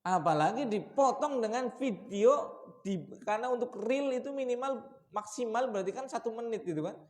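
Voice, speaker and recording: A man preaching at a mosque study session, asking his listeners questions and shifting between raised warnings and quiet asides. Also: normal speed. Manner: lively, shifts from loud warnings to low asides, asks the audience questions. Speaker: Islamic preacher.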